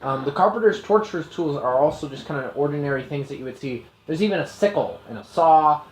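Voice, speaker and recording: A man's voice: on the high side, animated, fast. A man running a tabletop game as game master, describing scenes in a loose, rambling way full of fillers. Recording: echoey room with faint noise.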